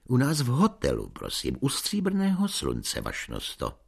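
A man's voice: medium pitch, huge pitch swings, creaky, slightly rough, pitched above the performer's own voice, full character voice. A man reading aloud, voicing a cheeky, red-faced hotel waiter who is deferential but impudent toward a hungover guest. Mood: bantering. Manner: deferential yet impudent, addressing his guest as "vašnosto".

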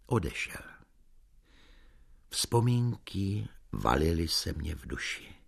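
A man's voice: sits low, sing-song, vocal fry, husky. A man narrating a comic story in the first person, with a dreamy, theatrical manner. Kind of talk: audiobook reading of a comic story.

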